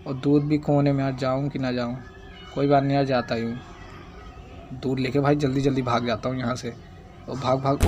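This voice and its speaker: A young man giving casual, excitable gameplay commentary, chatting in slang and scolding the game's baby character. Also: mid-range voice, a little hiss or hum. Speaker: gaming YouTuber.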